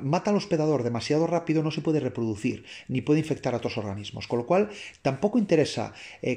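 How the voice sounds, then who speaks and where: A man with a Spain Spanish accent talks through a science topic in a loose, explanatory way. His voice sits at a middling pitch. He often stops to correct himself and checks that his listeners follow. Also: darkish tone. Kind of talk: informal explanatory talk to an audience.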